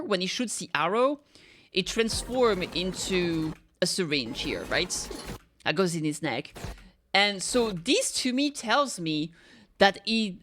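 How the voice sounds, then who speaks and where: A reaction video host speaks casually in a fairly low yet fairly bright voice, speculating out loud and reasoning through ideas step by step. She frequently ends her points with a quick check that the listener agrees.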